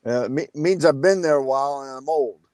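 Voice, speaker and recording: A man's voice: medium pitch, brisk, a little mellow, dry recording. A man in his fifties, a college basketball coach, answering interview questions casually over a video call, with many fillers. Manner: many uh fillers, plain-spoken.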